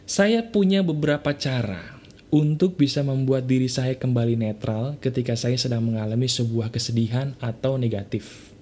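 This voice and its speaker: A man hosting a motivational podcast, speaking straight to the listener, asking for agreement and guiding a slow self-healing exercise. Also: mid-range voice, dark tone. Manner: addresses the listener directly, asks for agreement, slows to deliberate coaching.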